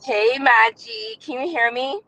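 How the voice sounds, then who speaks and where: A woman's voice: a little high, a little slow, pushed and bright, no echo. A woman calling into a live stream by phone while driving, explaining her side in a rambling, casual way with many fillers. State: driving, speaking from a car.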